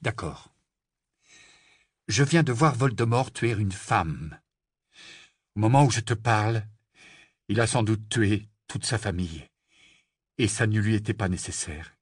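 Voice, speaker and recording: A man's voice: fairly low pitch, lively intonation, measured pace, pauses often, slightly rough, dry recording, studio quality. A man voicing a weary, defensive teenage boy. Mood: guarded.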